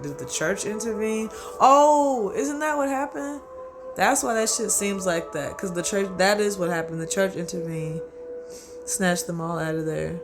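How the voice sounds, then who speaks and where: A man hosting his own channel, rambling through a casual, profane, excitable recap of an anime and often acting out his own reactions. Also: a little high. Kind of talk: casual solo anime commentary.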